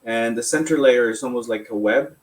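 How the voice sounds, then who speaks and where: A man from Colombia, a massage therapist, calmly answering interview questions and explaining his work. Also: medium pitch, fairly quick.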